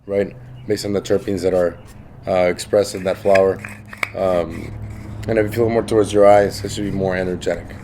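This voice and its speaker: A low-voiced man talks like a laid-back stoner, musing his way through a casual tasting. The recording is plainly noisy, with clicks. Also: fairly even intonation, moderate pace, warm tone. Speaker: cannabis reviewer. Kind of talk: casual product tasting commentary.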